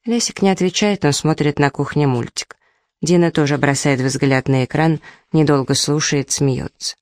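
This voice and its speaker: A woman's voice: sits low, moderate pace, a little mellow, no room sound. Woman author reading her story aloud.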